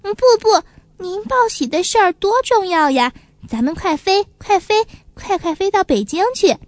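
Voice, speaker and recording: A woman's voice: extremely high pitch, animated, normal speed, dry recording, pitched above the performer's own voice. A woman voicing a brave, eager little boy pigeon in a children's story. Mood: urgent. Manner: eager, stammering when caught.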